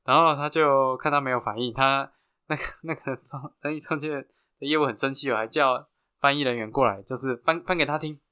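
A man with a Taiwanese Mandarin accent hosting a podcast, telling stories in a chatty, halting way full of restarts. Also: medium pitch, sharp tone, clear, resonant tone. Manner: chatty, halting with frequent restarts and fillers, laughs at his own stories. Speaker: podcast host. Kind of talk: casual storytelling.

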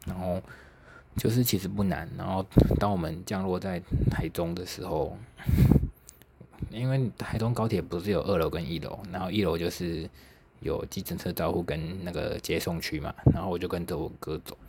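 Low-voiced Taiwanese young man telling stories. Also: normal speed, a little mellow, a little hiss or hum. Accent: Taiwanese Mandarin. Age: young adult. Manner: chatty, self-mocking, laughs, mild swearing. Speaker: podcast host. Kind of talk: casual solo storytelling.

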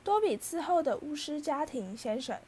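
A shrill, high little male house-elf, servile and easily brought to tears, as a woman reading the story puts him on. He squeaks out humble replies at a high pitch and keeps addressing his listener as sir. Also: big pitch swings, moderate pace, mellow. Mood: anxious.

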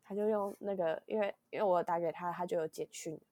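In a casual chat, a young Taiwanese-accented podcast host rambles through a story, restarting frequently and performing quotes. Her voice sits on the low side with a dark, steady tone, a little fast and weak from illness.

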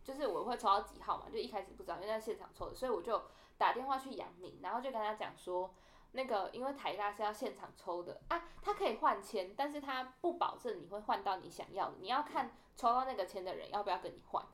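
Fast-talking young woman. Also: medium pitch. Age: young adult. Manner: animated, acts out quoted dialogue. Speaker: podcast co-host. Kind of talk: casual storytelling chat.

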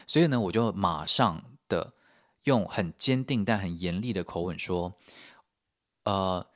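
A man from Taiwan, telling a story in a joking, expressive vlog. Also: low-pitched, moderate pace, no room sound, clean studio sound. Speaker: vlogger. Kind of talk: casual storytelling.

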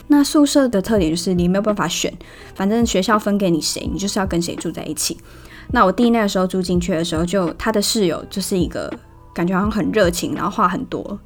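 A woman with a Taiwanese Mandarin accent, hosting a casual storytelling podcast and telling it in a chatty, animated way. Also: mid-range voice. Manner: chatty and animated, laughing at her own stories. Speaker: podcast host.

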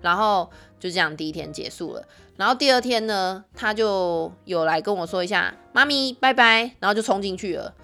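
A woman's voice: lowish voice, fairly quick, a bit bright, faint music behind. A woman in her thirties hosting a podcast, chatting casually with lots of filler words. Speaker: podcast host.

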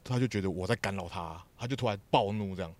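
Fast-talking, swearing Taiwanese man. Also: low voice. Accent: Taiwanese Mandarin. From Taichung, Taiwan. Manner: swears a lot, blunt and excitable. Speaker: podcast co-host, former TV production assistant. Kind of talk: casual chat, ranting anecdotes.

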